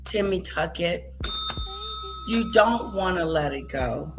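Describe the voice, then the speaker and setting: Over music, a woman with a lowish voice reacts to played clips as a commentary host, speaking slowly but animatedly. She is blunt, repeats her points, and mimics what others said.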